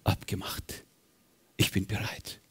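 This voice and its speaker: A man voicing Jesus as calm and resolute, speaking quietly and gravely, sometimes in a near whisper. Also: medium pitch, a little slow. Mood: solemn.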